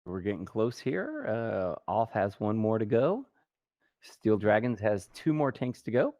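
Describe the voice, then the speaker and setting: A man co-casting a tank game match over voice chat, easygoing and quick to laugh. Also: fairly low pitch, sing-song, mellow, dry recording, muffled recording. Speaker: co-caster. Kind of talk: esports commentary.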